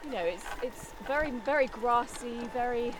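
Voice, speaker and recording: A woman's voice: fairly high pitch, normal speed, noisy background. A woman hosting a podcast interview on an open hillside, chatty and appreciative, asking her guest questions. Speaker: podcast host. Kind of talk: casual outdoor interview.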